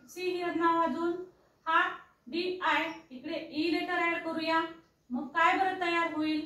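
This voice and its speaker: Woman english teacher, very high voice, slow careful explaining, echoey room from a distance. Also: fairly bright tone. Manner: encouraging, repeats key words, asks the viewer questions. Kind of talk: explaining spelling and pronunciation to learners.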